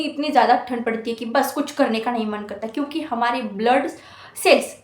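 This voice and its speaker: In a hostel room, a twenty-one-year-old woman with a high voice gives exam students an earnest motivational talk, scolding them with rhetorical questions. The sound is roomy.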